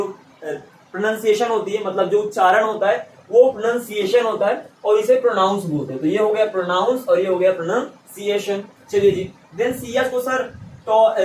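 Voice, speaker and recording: A man teaching English pronunciation in a lively, teacherly way, repeating example words for students to say after him. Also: sits high, echoey room, distant mic, a little hiss or hum, rough recording. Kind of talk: explaining pronunciation rules in a lesson.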